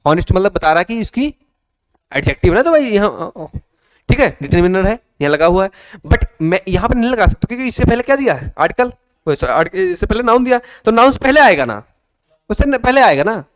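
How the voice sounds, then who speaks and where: A man teaching an English grammar lesson, coaxing students and repeating their answers in a lively classroom manner. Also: sits high, a little fast, dry recording, clean studio sound.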